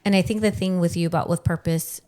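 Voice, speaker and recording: A woman's voice: fairly low pitch, fairly even intonation, quick pace, warm tone. A woman hosting a casual conversational interview, speaking in a chatty, affirming way. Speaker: podcast interviewer.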